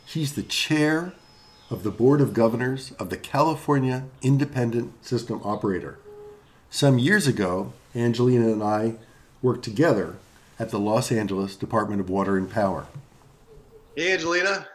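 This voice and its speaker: A man hosting an interview podcast, friendly and conversational. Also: moderate pace. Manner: friendly, conversational, lively pitch. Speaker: podcast host.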